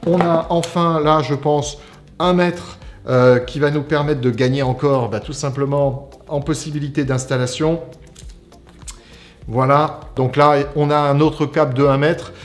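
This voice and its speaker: A man's voice: a little high, fairly even intonation, unhurried. Chatty man unboxing a laptop. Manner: chatty, explanatory, frequent "alors" and "on va dire". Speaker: IT company presenter. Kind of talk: casual unboxing product review.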